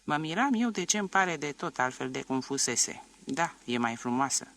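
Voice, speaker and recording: A man's voice: a little high, expressive, bright, forceful tone. A man voicing a stubborn peasant man and former soldier, talking bluntly and insistently in an audiobook.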